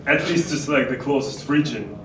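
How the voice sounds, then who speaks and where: A man in the audience at an event asking a spontaneous question, pausing and hesitating as he phrases it. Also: mid-range voice, lively intonation. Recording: echoey, noisy hall from far off.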